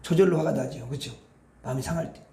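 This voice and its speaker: A man's voice: fairly high pitch, fast, dark tone, echoey room. A man preaching a Friday night prayer sermon, asking the congregation questions as he goes. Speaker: pastor. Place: church hall.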